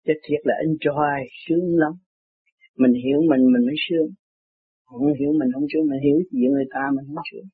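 Husky older man. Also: brisk, no room sound. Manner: animated, laughs often, jumps high when quoting others. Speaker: self-styled teacher telling anecdotes. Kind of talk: rambling casual storytelling. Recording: tinny phone-like dry recording.

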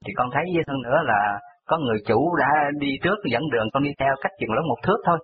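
A man's voice: mid-range voice, expressive, rapid-fire, slightly rough. A man with a Southern Vietnamese accent calling in to a radio show, recounting a personal story in rambling, detail-heavy fashion. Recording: tinny phone line on radio.

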